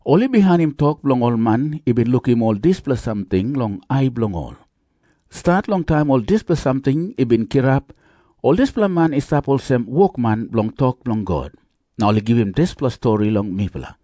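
A man's voice: mid-range voice, expressive, moderate pace, mellow, no echo, clean studio sound. A man with a Papua New Guinean accent narrating scripture as a story in Papua New Guinean Pidgin.

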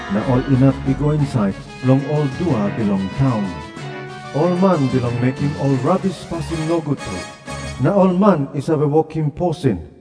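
A man plays a solemn, authoritative divine lord with a Papua New Guinean accent in a scripture audio drama. His voice is on the higher side for a man as he makes declarations. Music is clearly heard beneath him. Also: dark tone, natural voice. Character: Jesus, authoritative male divine lord making solemn promises.

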